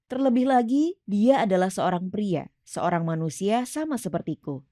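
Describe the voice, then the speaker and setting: In a personal testimony given during an interview, a middle-aged East London woman reflects earnestly on her life. Her voice is medium in pitch and dark in tone. The sound is studio quality, free of echo.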